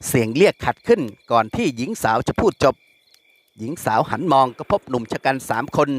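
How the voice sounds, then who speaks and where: A man narrating a classic novel as an audiobook, in a steady, dramatic storytelling way. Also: medium pitch, brisk. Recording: long reverb.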